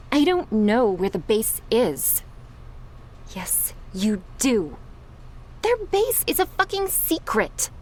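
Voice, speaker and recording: A woman performs confrontational women in a vampire crime syndicate roleplay, speaking deliberately in a dramatic audio style. Her voice is medium-pitched and a little mellow, with slight background noise.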